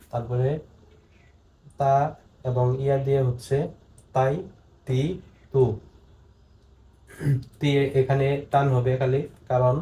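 A man teaches Quran reading in a soft-edged, mellow voice, repeating syllables slowly and evenly. His pitch barely moves as he drills each sound in turn. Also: low-quality recording. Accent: Bangladeshi Bengali. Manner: slow, drilling syllables one by one in even repetition. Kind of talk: step-by-step recitation lesson.

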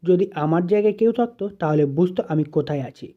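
A woman's voice: on the low side, fast talker, natural voice. Brief: hurt, defiant young woman, read by a man, pleading, lo-fi. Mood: angry. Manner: pleading, then bitter.

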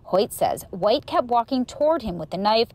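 A woman reporter with a fairly high voice delivers a news story. Her reading is measured and even, the steady delivery of a broadcast correspondent.

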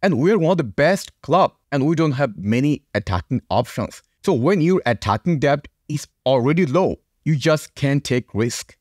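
A man's voice: on the high side, animated, normal speed, hardly any pauses, a little mellow, no room sound. A young man hosting a fan channel, giving casual reaction commentary into a podcast mic in a small home studio. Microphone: podcast mic on a boom.

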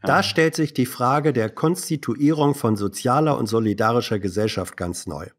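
Older husky guest, formal and measured. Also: male voice, mid-range voice. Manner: deliberate, formal phrasing with hesitations. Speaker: guest on a political podcast. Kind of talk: casual political discussion.

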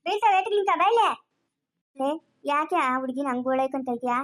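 High-pitched scolding village woman. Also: lively intonation, fast. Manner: scolding, sharp-tongued. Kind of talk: amateur family drama acting.

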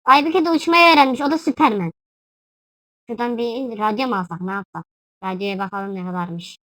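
A woman's voice: a little high, fairly quick, a bit bright, dry recording. A young woman casually commentating her own gameplay, playful and chatty, breaking into shrieks and yelps when startled. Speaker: gaming YouTuber.

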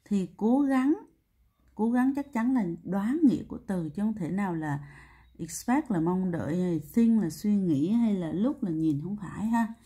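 A woman's voice: medium pitch, a little slow, warm tone, breathy edge. A woman English teacher walking students through exam answers step by step, often checking their understanding with tag questions. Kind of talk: exam answer walkthrough lesson.

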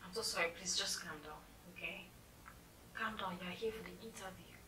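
A woman's voice: mid-range voice, normal speed, bright, forceful tone, close to an everyday voice. A young woman acting as a polite, apologetic company secretary. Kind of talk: skit acting. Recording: echoey room, mic far off, noisy.

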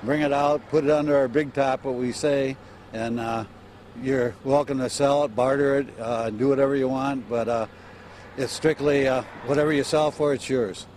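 A man's voice: mid-range voice, steady tone, a little mellow, a little hiss or hum. An older man being interviewed live for TV about his business, speaking plainly into a reporter's handheld mic with many hesitant "uh"s. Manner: plain, halting talk with many "uh" fillers. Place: outdoors on an RV lot, then inside an RV.

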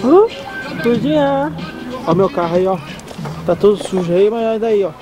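A man's voice: high-pitched, fairly even intonation, fast talker. A man, filming a family outing and talking to his small children in a coaxing, sing-song way. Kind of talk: casual home video chat. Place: outdoor park with people around. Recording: home video with crowd and music behind.

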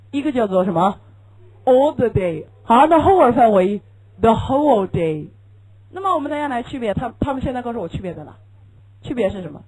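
A woman's voice: fairly high pitch, a little mellow, breathy edge, rough recording. A woman whose first language is Chinese teaches an English lesson, explaining patiently, asking rhetorical questions and repeating key phrases. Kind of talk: classroom lecture.

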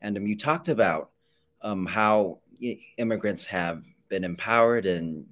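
Young male interviewer, very low voice, measured formal questions over a video call. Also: expressive, a bit bright. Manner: measured, with frequent ums.

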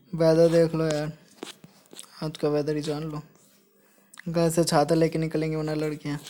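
A man with an Indian English accent reads newspaper headlines aloud for students. He reads slowly and adds quick, offhand asides in between. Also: fairly high pitch, mellow. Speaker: host reading the newspaper for study. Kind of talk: casual newspaper read-through.

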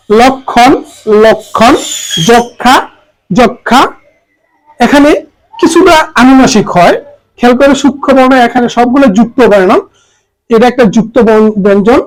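A teacher walks students through a pronunciation rule. Each example word gets said twice, slowly and deliberately. The voice sits at an average pitch. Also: poor audio. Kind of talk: grammar lesson.

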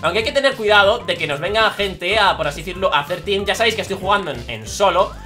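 Excitable young Spaniard shouting over gameplay. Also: male voice, sits high, fast, faint music behind. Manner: excitable, bursts into shouts, self-mocking jokes. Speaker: gaming YouTuber. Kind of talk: live gameplay commentary.

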